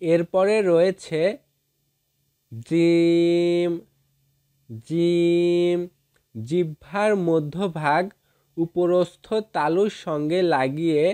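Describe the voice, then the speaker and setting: A man's voice: fairly high pitch, darkish tone. A man teaching how to pronounce letters, drawing out each sound and repeating it for listeners to follow. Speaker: Quran reading teacher. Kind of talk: slow step-by-step recitation lesson.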